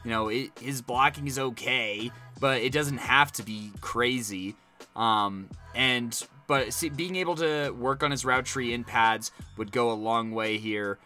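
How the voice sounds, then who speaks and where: A man's voice: medium pitch, unhurried, bright, forceful tone, faint music behind. An American man giving casual sports analysis as a co-host, talking discursively and piling up points.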